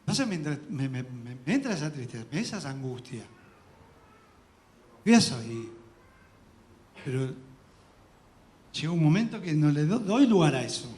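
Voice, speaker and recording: A man with a high voice and an Argentine accent preaches in a church. His delivery is earnest and heartfelt as he shares his personal testimony. He pauses, restarts and laughs softly between thoughts. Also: very animated. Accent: Argentine Spanish. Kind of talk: sermon.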